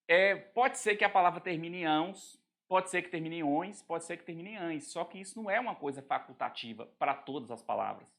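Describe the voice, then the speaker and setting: Fairly high-voiced man explaining grammar. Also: fairly bright tone. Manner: explanatory, repeats "né?" as a check-in. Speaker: teacher. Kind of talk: recorded grammar lesson.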